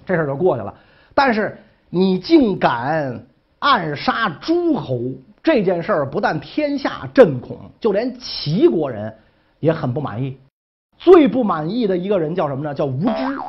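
Male storyteller, lively pitch, husky tone, lo-fi. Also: normal speed. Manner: colloquial, joking, keeps asking 'right?'. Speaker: history storyteller. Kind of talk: casual storytelling.

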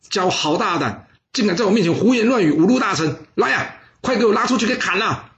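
Brief: a man playing a cruel tyrant king in an audio story, high, loud, imperious. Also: animated, fast, lo-fi sound. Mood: angry. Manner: loud, imperious, barking orders. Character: arrogant, cruel male king.

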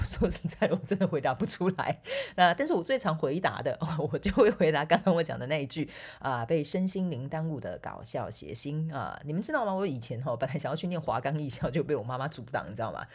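A woman's voice: sits low, sing-song, very fast, slightly rough. A woman with a Taiwanese Mandarin accent, a spiritual coach, talking in a casual, playful, self-mocking monologue. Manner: playful and self-mocking, with frequent laughs and filler particles. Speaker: spiritual coach and online course instructor.

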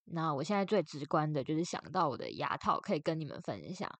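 A young adult woman with a Taiwanese accent hosts a casual solo podcast chat, speaking fast in a deep voice with no room sound. She's expressive and self-deprecating, and her braces make her articulation slightly slurred.

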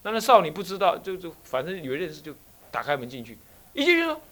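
A man's voice: high-pitched, fast talker. A man with a Taiwanese Mandarin accent, a Buddhist abbot giving a dharma talk full of stories and rhetorical questions. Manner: animated storyteller, frequent rhetorical questions.

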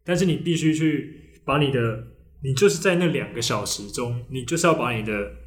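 A man's voice: medium pitch, fairly quick. A man with a Taiwanese Mandarin accent hosting a casual podcast chat, telling stories with frequent restarts and fillers. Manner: hesitant storyteller, many restarts and fillers. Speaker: podcast host.

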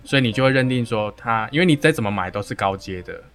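A man's voice: on the low side, animated, fast talker, a bit bright, soft background music. A Taiwanese-accented man co-hosting a casual podcast chat, his words slightly slurred by the braces he wears. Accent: Taiwanese Mandarin. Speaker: podcast co-host.

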